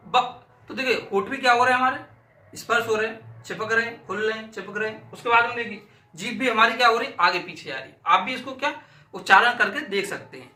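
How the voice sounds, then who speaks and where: Bright, high-voiced male teacher. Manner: demonstrates sounds by repeating syllables aloud; asks and answers his own questions. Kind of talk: classroom lesson. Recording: echoey room, voice from a distance.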